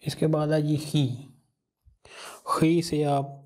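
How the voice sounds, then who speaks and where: A man with a Pakistani Urdu accent walks through an alphabet lesson at an unhurried pace. His voice is dark and mellow and stays almost perfectly level, and he patiently repeats each sound. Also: on the high side, little pitch movement. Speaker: language teacher.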